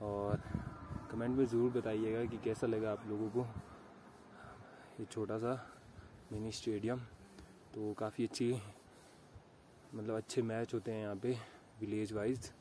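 A man's voice: lowish voice, heavy background noise. A young man hosting a casual travel vlog, talking to viewers while walking outdoors on a forested mountain trail, tired from the climb. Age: young adult. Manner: chatty, showing viewers around on foot. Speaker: vlogger. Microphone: handheld camera at arm's length.

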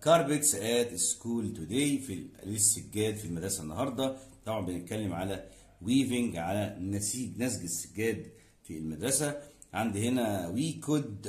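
A male English teacher with an Egyptian Arabic accent, explaining a textbook lesson. He reads English sentences slowly, then translates them, with frequent filler sounds. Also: lowish voice, darkish tone, roomy sound.

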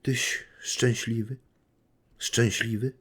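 A man voicing a desperate young woman who pleads with hurried questions. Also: mid-range voice, flat delivery, a bit bright, husky, voice pushed up, full character voice. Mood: pleading.

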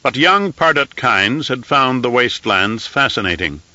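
A man narrating an audiobook in a steady, measured storytelling manner. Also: medium pitch, dry recording, dull audio. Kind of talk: scripted narration.

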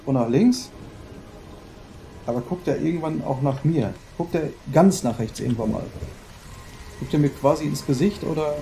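A man's voice: a little high, normal speed, vocal fry, long pauses, warm tone, slight background noise. A man narrating a horror game as let's play host, chatty and dropping English exclamations into his German.

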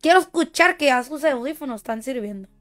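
With faint music behind her, a high-pitched woman with a Mexican Spanish accent banters as she streams a shooter game. Her intonation is lively and her pace fairly quick, her casual talk teasing, playful and boastful.

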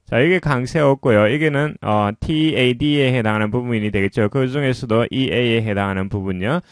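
A man teaching pronunciation in a patient, explanatory way, his voice at a middle pitch. The recording is dry and close, with no room sound around it. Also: clear, resonant tone, no room sound. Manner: patient and explanatory, often pausing with "자".

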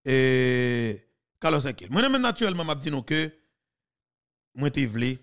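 A man in his thirties with a Haitian accent, giving heated, mocking political commentary on a podcast, with sudden loud outbursts. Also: mid-range voice, very animated, unhurried. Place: small studio. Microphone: studio mic with headphones.

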